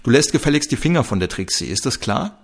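A man's voice: mid-range voice, very animated, quick pace, voice pushed up. A man voicing a hot-headed, jealous male footballer who snaps and threatens. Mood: aggressive. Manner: snapping, aggressive.

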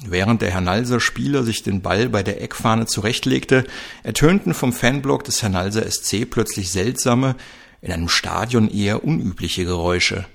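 Steady male narrator for a radio-style crime serial, low-pitched and gravelly. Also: moderate pace. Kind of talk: scripted audio-drama narration.

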